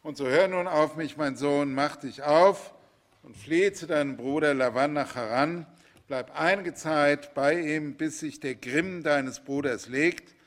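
A worried mother urging her son to run from danger, read out by a man. She speaks slowly and earnestly, in a raised tone. It sounds like a storybook reading of a scripture tale. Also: on the high side, natural voice. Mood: urgent. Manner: urgent, slow biblical recitation.

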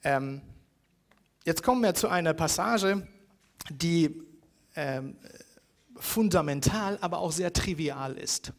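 Male lecturer, slightly high voice, keeps checking "ja?" with lots of ums. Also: slow, pauses often. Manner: hesitant, many fillers, rhetorical "ja?" checks. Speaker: university lecturer.

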